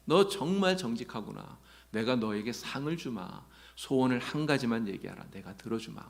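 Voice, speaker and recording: A man's voice: medium pitch, animated, moderate pace, creaky. A pastor voicing a stern male angel who offers a young man one wish, in a solemn commanding way.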